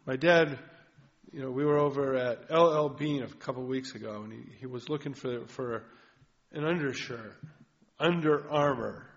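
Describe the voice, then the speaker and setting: A man's voice: medium pitch, normal speed. A middle-aged male pastor giving a folksy, conversational sermon full of rhetorical questions. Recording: dull lo-fi recording.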